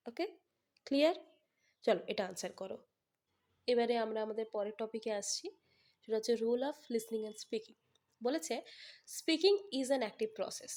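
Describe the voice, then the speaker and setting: A woman with a Bengali accent leads an exam-prep lesson in a slightly raised voice. She reads each English line slowly, then explains it briskly and checks in with her students. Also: on the high side.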